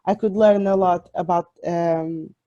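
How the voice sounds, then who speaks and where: A young woman from Portugal, a software developer, giving an online talk with many fillers and restarts. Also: lowish voice, steady tone, measured pace, lo-fi sound. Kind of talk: online presentation.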